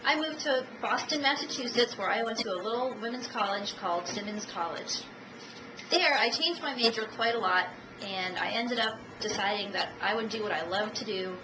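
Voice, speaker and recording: A woman in her thirties from the United States giving a self-introduction speech for a class, measured and dotted with ums and uhs, recorded on a camcorder. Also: medium pitch. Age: 30s. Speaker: student. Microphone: camcorder at a distance. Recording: echoey room, distant camcorder, audible noise.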